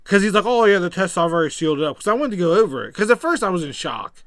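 Bright, high-voiced young man rambling. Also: very animated, very fast, dry recording, studio quality. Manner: rambling storyteller, laughs often, acts out quotes. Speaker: podcast co-host telling a story. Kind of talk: casual chat.

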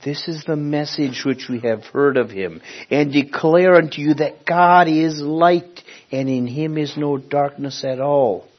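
A husky-voiced Honduran man with a fairly high, steady-toned voice gives a sermon with personal storytelling. He speaks conversationally, stopping and starting while he looks for words. The lo-fi recording is muffled and dull.

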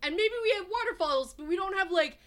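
A woman's voice: very high voice, fast, a bit bright. A woman who grew up in Virginia, chatting casually on a podcast in a profane, sarcastic, ranting way. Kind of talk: casual chat.

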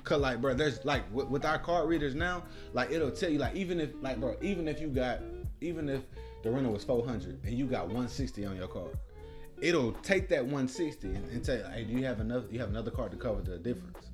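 A podcast co-host with a brisk, mid-range voice tells a casual story full of profanity, acting out quotes in different voices and saying "bro" often. Loud music plays behind his talking.

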